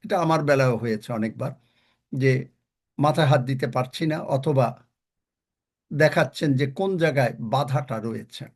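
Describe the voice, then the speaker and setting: A man's voice: medium pitch, normal speed, pauses often, breathy edge. A man preaching a sermon, slipping English phrases into his talk, repeating lines for emphasis and putting questions to the congregation. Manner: asks the congregation questions directly.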